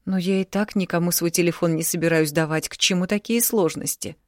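A woman voicing a soft-spoken, patient mother in an audiobook. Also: lowish voice, fairly even intonation, brisk, no echo, clean studio sound, lightly acted. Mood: weary. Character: mother, gentle and weary.

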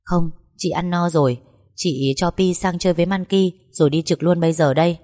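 A woman reading the lines of a cheerful young woman in a hurry to go on duty, friendly and quick. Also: fairly low pitch, steady tone, dark tone, close to an everyday voice.

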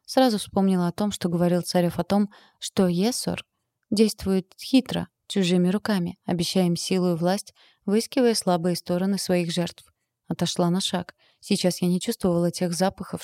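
A woman reads a first-person audiobook in an even, steady way. Her voice is low and warm-toned. The recording is close and dry. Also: no room sound. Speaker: audiobook narrator.

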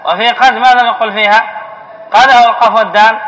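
A man's voice: extremely high pitch, steady tone, quick pace, a bit bright. A man, a sheikh, giving a classroom lesson on Arabic grammar. He asks his students questions and then answers them himself. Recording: dull lo-fi lecture recording with faint hiss.

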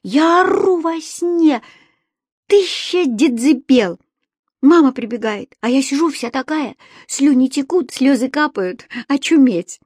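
Woman voicing a shrill, panicky schoolgirl. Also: lively intonation, a little slow, few pauses, a little mellow, no room sound, clean studio sound. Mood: frightened. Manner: panicky, squealing, pleading. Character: terrified young schoolgirl, jittery and shrill.

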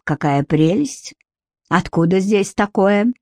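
A woman voicing a smug, sly male gang boss who speaks slowly and mockingly. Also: mid-range voice, lively intonation, dark tone, no room sound, studio quality. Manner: slow, sneering.

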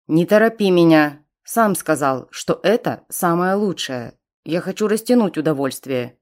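A woman voicing a crude, leering male raider with a husky, coarse voice in an audiobook. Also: fairly low pitch, lively intonation, unhurried, darkish tone.

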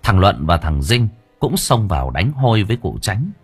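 A man narrating an audiobook story in a dramatic, expressive way. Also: lowish voice, moderate pace, slightly rough, no echo, soft background music.

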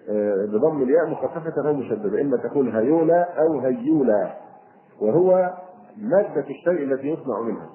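Egyptian man teaching, tinny phone-like sound. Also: mid-range voice. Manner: halting, repeats words while searching, then slow deliberate explanation. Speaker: Islamic scholar. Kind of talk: Quran commentary lesson.

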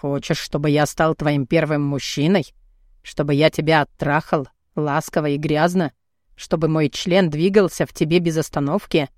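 A woman reading an audiobook and voicing a brash, crude, burly man with a husky, gruff voice and a teasing, swaggering manner. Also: sits low, fairly even intonation, moderate pace, darkish tone, no room sound, studio quality, lightly acted.

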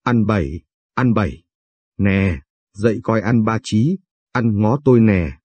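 A man's voice: fairly low pitch, lively intonation, measured pace, a little mellow, no room sound. A man reading a teasing young seamstress. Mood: mocking.

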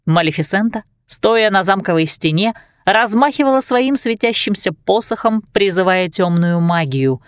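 A woman reading a fairy tale aloud with expressive, dramatic narration. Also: medium pitch, normal speed, few pauses, no echo. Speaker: audiobook narrator. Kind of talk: scripted storybook narration.

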